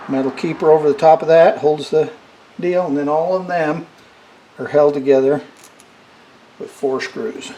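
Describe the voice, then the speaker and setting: Middle-aged male shop tinkerer, slightly high voice, halting casual demo at the bench, rain on a tin roof behind him. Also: fairly even intonation, warm tone, highs cut off, slight background noise. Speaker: repair demonstrator. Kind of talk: hands-on tutorial, casual talk while working. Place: workshop with metal roof, indoors. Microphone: camera over the workbench. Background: rain drumming on tin roof.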